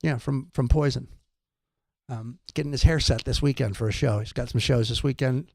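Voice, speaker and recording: A man's voice: mid-range voice, normal speed, creaky, a little mellow, no room sound. A man co-hosting a podcast, chatting casually and telling jokey, wandering stories. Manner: jokey, tangential storytelling. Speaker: podcast co-host and comedian. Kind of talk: casual chat.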